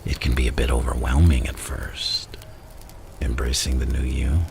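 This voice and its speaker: A man playing a theatrical, manipulative madman supervillain in an ASMR roleplay, speaking in a gravelly, breathy half-whisper and savouring each phrase. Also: extremely low pitch, level tone, normal speed, slight background noise. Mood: intimate, reflective menace. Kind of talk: ASMR villain roleplay monologue.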